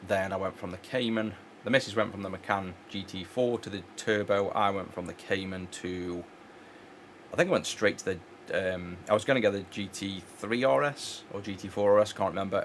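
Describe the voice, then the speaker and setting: Low-voiced rambling repair vlogger. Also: male voice, fairly bright tone, slight background noise. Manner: rambling, many fillers and restarts. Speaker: electronics repair channel host. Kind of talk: casual chat while working.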